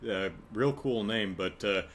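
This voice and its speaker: Low-voiced man rambling through an episode recap. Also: unhurried, fairly bright tone. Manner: rambling, filler-heavy, chuckling asides. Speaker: TV episode reviewer. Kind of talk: casual spoken recap.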